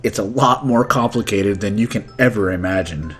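Faint music accompanies a male English teacher in his thirties as he hosts a lesson, acting out skit lines and explaining idioms. His voice is lowish and husky yet a bit bright, delivered at normal speed.

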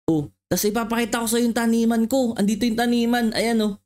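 Woman host, fairly high voice, bossy and scolding, playful game roleplay. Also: fairly even intonation, a little fast, a little mellow, clean tone. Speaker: channel host.

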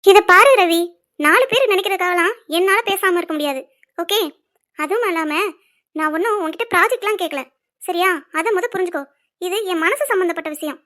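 In a cartoon serial, a jealous, hot-tempered young woman accuses someone and stands her ground, indignation running through every line. Her very high voice is brisk, pushed and bright, and her mood is insistent.

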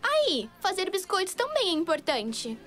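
High-voiced earnest cartoon girl. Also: huge pitch swings, a little slow, a bit bright, faint music behind, exaggerated voice. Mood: earnest friendly. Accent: Brazilian Portuguese. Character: sweet, modest girl who stands up for herself. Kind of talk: animated cartoon dubbing.

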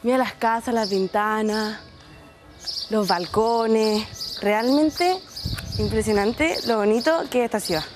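Loud music plays behind this slightly high-pitched female voice as she takes her time with her words. A young exchange student from Chile, speaking Chilean-accented Spanish, she presents an informal travel segment to camera outside in a seaside resort and on the sand. Her manner is talkative and excited, and she addresses viewers head-on.

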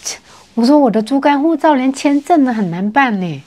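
A woman's voice: high voice, lively intonation, fairly quick, darkish tone. A woman from China, chatting casually in a storytelling vlog and retelling conversations. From mainland China. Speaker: vlogger.

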